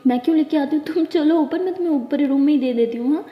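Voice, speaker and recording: A woman's voice: sits high, quick pace, lightly acted. A woman voicing a bossy, grumpy elder sister in a spoken story, talking brusquely and self-importantly. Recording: echoey room, dull lo-fi sound.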